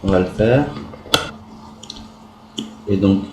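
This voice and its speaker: A man's voice: low-pitched, extremely slow, roomy sound, heavy background noise. A man teaching a primary class, going over pupils' spelling work and spelling words out letter by letter.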